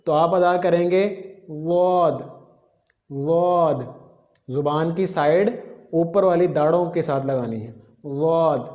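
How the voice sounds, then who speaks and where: A man with a fairly high voice teaches the correct articulation of letters step by step. He repeats each sound slowly and checks that listeners follow. The room gives his voice a noticeable echo. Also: a little mellow, lo-fi sound. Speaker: Quran pronunciation teacher. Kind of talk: patient step-by-step lesson.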